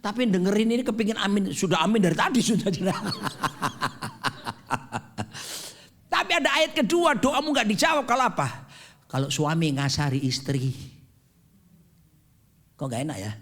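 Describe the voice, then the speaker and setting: Animated high-pitched man preaching a sermon. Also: fairly quick. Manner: dramatic and animated, mixing jokes and English phrases. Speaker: pastor. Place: church sanctuary.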